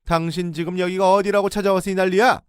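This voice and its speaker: Man voicing a domineering older woman, shrill shouting, very high, dry recording. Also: level tone, fast talker, clean tone, no echo, lightly acted. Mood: scolding. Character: furious elderly woman, domineering in-law.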